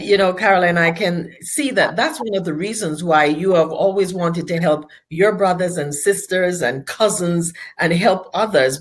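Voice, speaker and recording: Lower-voiced woman host, encouraging and enthusiastic, stumbles into her sentences. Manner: enthusiastic, encouraging, repeats words when starting. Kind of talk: online interview.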